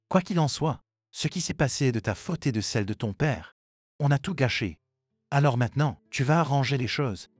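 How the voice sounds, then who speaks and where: A man's voice: mid-range voice, darkish tone, dry recording, close to an everyday voice. Reproachful mother, read by a man. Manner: reproachful, guilt-tripping. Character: bitter manipulative mother, middle-aged woman. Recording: dry with faint music behind.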